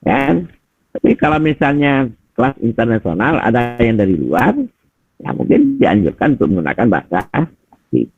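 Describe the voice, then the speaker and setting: A man's voice: mid-range voice, big pitch swings, moderate pace. A middle-aged man, a teacher trainer, giving conversational feedback over a video call and often asking rhetorical questions. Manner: conversational, addresses listeners as Pak and Bapak Ibu, rhetorical questions. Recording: husky voice over tinny video call audio.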